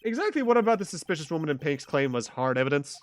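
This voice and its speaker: A man's voice: fairly high pitch, big pitch swings, fast. A man voicing an earnest young defense lawyer, pressing a witness with questions.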